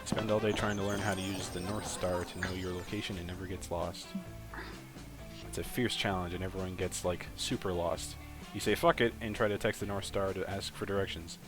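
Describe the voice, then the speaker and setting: A man's voice: low-pitched, fairly even intonation, brisk, over music. A man narrating a camp dating game to friends, joking and stumbling over the text.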